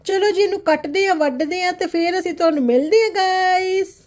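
A woman's voice: very high-pitched, a little fast, a little mellow. A woman with a Punjabi accent chatting casually to viewers in a daily vlog, mixing in English phrases. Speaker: vlogger. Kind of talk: casual chat to viewers about daily routine.

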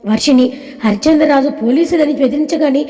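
A woman narrating a family drama story with a steady, plain reading. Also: sits high, brisk. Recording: long reverb.

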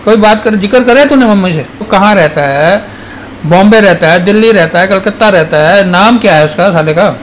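A middle-aged father scolds his son at home in a stern voice set high for a man. His talk is blunt and threatening, with faint noise around him. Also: moderate pace. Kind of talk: family argument at home. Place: family home indoors.

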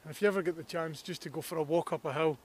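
A man's voice: a little high, steady tone, racing, slightly rough. Scottish man vlogging on a hilltop. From Scotland. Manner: enthusiastic, reflective, talks to camera while walking. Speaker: landscape photographer vlogger. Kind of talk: outdoor walking vlog. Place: hillside outdoors in snowy weather.

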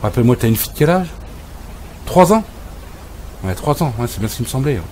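Lively man in comic role-play. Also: mid-range voice, a little fast, slight background noise. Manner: mock-scolding, exasperated, lively banter. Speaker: gameplay video creator.

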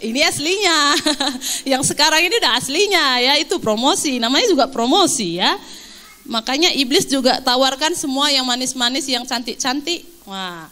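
A woman pastor preaching a sermon, lively and animated, acting out quotes and laughing along. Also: high-pitched.

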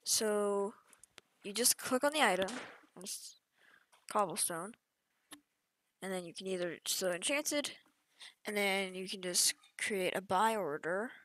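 A young woman, a gaming YouTuber, speaks a little slowly and pauses often while casually covering a game update over screen capture. Her mid-range voice has a fairly bright tone, and slight background noise is present. She's chatty and offhand, frequently trailing off mid-sentence.

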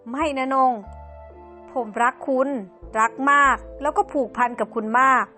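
A blunt middle-aged husband in a home-made game drama, talking down to his wife in a cold, belittling tone, with a woman playing him. The voice stays fairly high. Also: measured pace, sharp tone, faint music behind. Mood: dismissive.

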